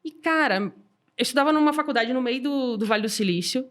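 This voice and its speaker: A woman, a guest telling her story in a lively, informal way. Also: high-pitched, a little fast. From Salvador, Brazil. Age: 20s. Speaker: guest entrepreneur. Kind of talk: casual interview chat.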